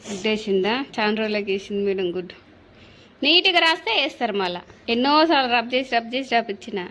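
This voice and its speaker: Brisk, bright-voiced mother vlogging. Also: fairly high pitch, expressive. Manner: brisk, chatty, talks to the camera while cooking. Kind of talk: casual daily vlog chat. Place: home kitchen.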